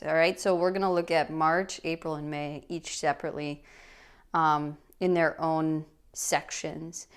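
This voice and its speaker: A woman's voice: fairly low pitch, clear, resonant tone. A woman hosting a casual, chatty tarot reading to camera, speaking to her viewers in an effusive, affectionate way. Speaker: tarot reader, channel host.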